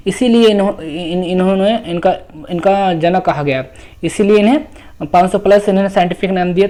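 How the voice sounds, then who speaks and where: Male coaching teacher, mellow voice, quizzes himself aloud, stretches English terms slowly, repeats and self-corrects. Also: high-pitched. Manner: asks questions and answers them himself, repeating key terms. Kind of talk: exam coaching lecture.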